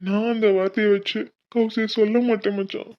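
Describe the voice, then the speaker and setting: A woman's voice: medium pitch, little pitch movement, fairly quick, dull audio, pitched above the performer's own voice, lightly acted. A woman voicing an angry young male college student who pleads hotly for his mother's honour. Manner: heated, pleading.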